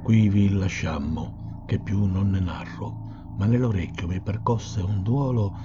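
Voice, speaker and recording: A man reciting classic verse in a measured, dramatic way, in a dull recording with steady hiss. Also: on the low side. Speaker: reader.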